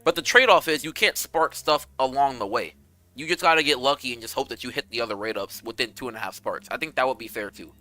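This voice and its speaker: A young man chatting casually with his viewers on a game stream, animated and rambling, swearing freely. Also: mid-range voice, fast, no echo, soft background music.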